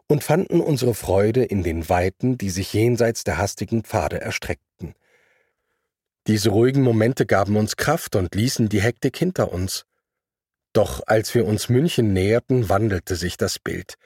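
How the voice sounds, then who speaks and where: A man with a husky voice reading a first-person travel story as scripted narration. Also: mid-range voice, darkish tone, no room sound, clean studio sound.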